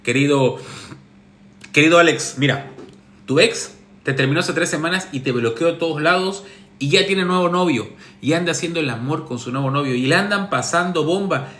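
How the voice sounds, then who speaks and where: A man's voice: on the high side, normal speed, a bit bright, echoey room, slight background noise. A relationship coach, a man, reads viewer messages and answers them with sarcastic, teasing advice in a casual monologue.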